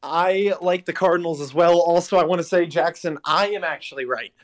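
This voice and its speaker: A young man co-hosting a casual sports podcast, quick to correct and tease the others. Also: on the high side. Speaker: podcast co-host.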